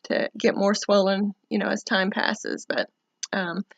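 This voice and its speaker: A woman giving a casual first-person update to camera in a hesitant, halting way with many pauses. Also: medium pitch, steady tone, gravelly, no room sound. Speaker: vlogger documenting recovery from eyelid surgery.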